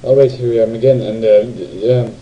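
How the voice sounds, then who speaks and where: Over faint game music, a man chats casually and loosely through a let's play, often asking viewers tag questions. He speaks at normal speed in a steady, mid-range voice, and the lo-fi recording has slight background noise.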